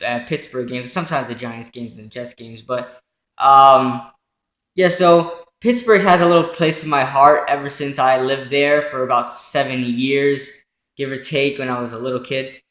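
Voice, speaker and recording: Young male home vlogger, halting and filler-heavy, mid-pitched, echoey room sound. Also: a bit bright. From New York, raised in Pennsylvania. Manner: halting, many ums and self-corrections. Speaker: football vlogger recapping playoffs. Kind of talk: casual solo commentary from notes.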